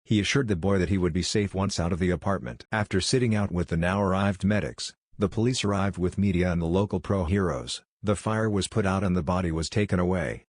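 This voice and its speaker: A man narrating a fan story in an even, unhurried reading voice. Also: low voice, no echo, clean studio sound. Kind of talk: slow scripted story narration.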